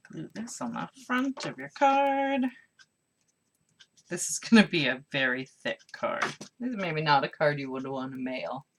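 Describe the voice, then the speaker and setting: A woman with a low, deep voice walks through a live card-making class. She chats casually and mumbles to herself while she works, over a faint hiss. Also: expressive, a little slow, a bit bright. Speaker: craft instructor. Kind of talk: live craft class demo.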